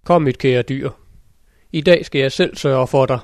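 A man's voice: mid-range voice, no echo, clean studio sound, lightly acted. A man voicing an old tailor in a fairy tale who scolds in angry outbursts. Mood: coaxing. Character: quick-tempered old tailor, father of three sons. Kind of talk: storybook narration.

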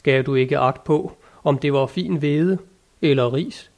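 A man's voice: medium pitch, darkish tone, lightly acted. A man voicing an ardent, lofty old knight in an audiobook, speaking in a grand, old-fashioned and eager way. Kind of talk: audiobook character reading.

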